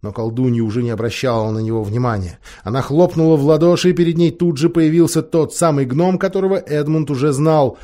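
A man narrating a fairy tale audiobook with expressive, dramatic storytelling. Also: fairly high pitch, a little fast, hardly any pauses.

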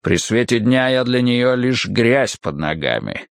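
A man voicing a hulking, menacing and scornful brute in an audiobook, with a deep, guttural, rumbling voice and a slow, drawn-out delivery. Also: big pitch swings, gravelly, clean tone, dry recording, clean studio sound. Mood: declaiming.

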